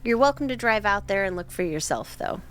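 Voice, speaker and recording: A woman hosting a channel, reading a scary internet story aloud, going hushed and eerie when she reads out the quoted voices. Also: medium pitch, expressive, fairly quick. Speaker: story reader and host.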